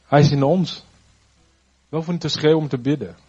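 A man with a husky, slightly breathy voice tells a personal faith testimony in an earnest, reflective way. He speaks haltingly, restarting sentences as he searches for words. The recording sounds dull and muffled. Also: on the high side, darkish tone. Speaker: churchgoer giving a testimony.

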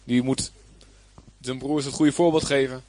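A man's voice: medium pitch, fairly even intonation, measured pace, a little mellow. A man preaching a Bible lesson, reading scripture aloud and then explaining it plainly, with emphasis and some hesitant fillers. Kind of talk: Bible teaching.

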